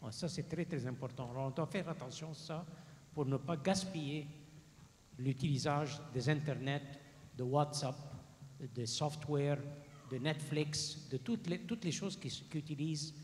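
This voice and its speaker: A man's voice: fairly high pitch, normal speed. A man moderating a panel and explaining informally to an audience, repeating words as he goes. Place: large conference hall. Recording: reverberant hall with faint background noise.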